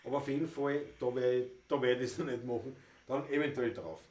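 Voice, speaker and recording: A man with a Viennese accent hosting a livestream, chatting in dialect in an unhurried, mumbled way. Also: mid-range voice. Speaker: livestream host and Viennese folk musician. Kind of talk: casual chat and singing Viennese songs. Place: room at a livestream stage. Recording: roomy echo with loud guitar music.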